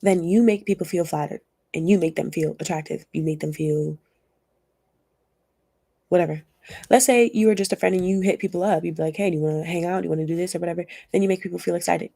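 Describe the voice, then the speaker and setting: A young woman talks her way through a casual tarot reading in a rambling, chatty manner, often laughing along. Her voice sits low and dark, with a gravelly, husky edge. The sound is dry and close, with no room in it. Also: a little fast, dry recording. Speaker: tarot reader.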